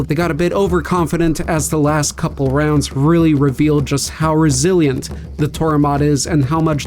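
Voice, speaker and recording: Higher-voiced man recapping a board game. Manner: relaxed recap of battles and gear. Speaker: game player and commentator. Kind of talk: casual gameplay commentary.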